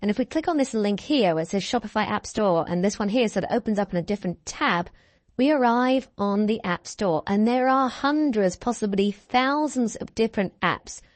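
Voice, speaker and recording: A woman's voice: medium pitch, lively intonation, moderate pace, no room sound. Female course instructor, upbeat and reassuring, step-by-step screen-share narration, dry close sound. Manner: upbeat, reassuring, walks through steps.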